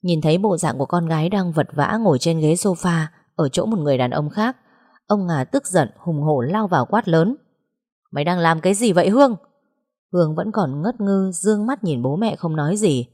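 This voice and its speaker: A woman narrating a dramatic family story in a steady, scripted way. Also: fairly low pitch, moderate pace.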